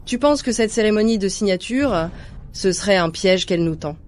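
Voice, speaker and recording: A woman's voice: mid-range voice, animated, moderate pace, slight background noise, close to an everyday voice. A woman dubbing an anxious jealous sister. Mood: worried. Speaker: dub actress. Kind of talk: dubbed drama.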